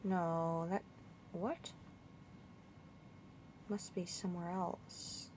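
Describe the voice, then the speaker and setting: A woman's voice: fairly low pitch, fairly even intonation, very slow, background noise. A woman playing through a game walkthrough, thinking aloud and muttering confused questions as she goes. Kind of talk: casual gameplay commentary.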